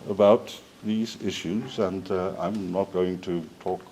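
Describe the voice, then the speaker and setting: Slow, unhurried man opening a panel. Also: low-pitched, fairly even intonation, mellow, slight background noise, rough recording. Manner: unhurried, hesitant with fillers.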